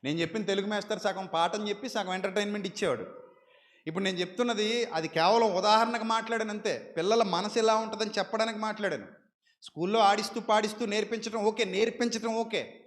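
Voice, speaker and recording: Man, Telugu accent, middle-aged preacher, high voice, emphatic sermon, reverberant room. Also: steady tone, fast. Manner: emphatic, asks the congregation questions and answers them. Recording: echoey hall.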